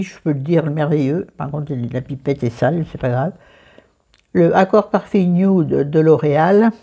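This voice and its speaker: A beauty vlogger in middle age, her voice low and mellow with a breathy edge, talks casually about makeup and skincare in a southern French accent. The highs are cut off. She's chatty and self-mocking, naming the viewers and friends she speaks to.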